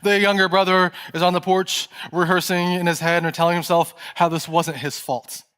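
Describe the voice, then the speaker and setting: Pastor guy preaching in church, kinda high voice, tells it like a story, goes quiet and hushed for the tense bits. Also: flat delivery, normal speed, smooth. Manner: storytelling sermon, dropping to soft, hushed tones at tense moments. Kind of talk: sermon.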